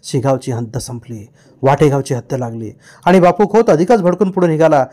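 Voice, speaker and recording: Guy reading a novel aloud, mellow tone, a bit high, vivid storytelling. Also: fairly quick. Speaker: audiobook reader. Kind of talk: dramatic novel narration.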